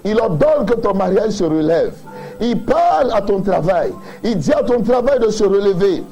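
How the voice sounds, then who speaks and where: A pastor preaching a sermon, building emphatic repeated refrains and addressing the listener directly. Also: male voice, high voice, lively intonation, normal speed, warm tone, soft background music, low-quality recording.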